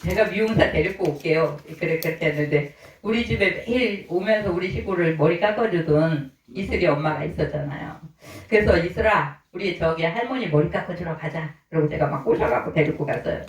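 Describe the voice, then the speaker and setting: A woman's voice: lowish voice, brisk, far from the mic. Woman pastor telling stories in a roomy church. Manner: lively storytelling, acts out quoted voices, laughs often. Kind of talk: storytelling sermon. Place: church hall.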